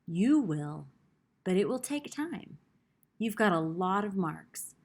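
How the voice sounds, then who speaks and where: Woman as a gentle, thoughtful fatherly woodcarver. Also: mid-range voice, big pitch swings, heavily acted. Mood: reassuring. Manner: slow, soft, thoughtful. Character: large bearded old woodcarver, gentle, fatherly, reassuring.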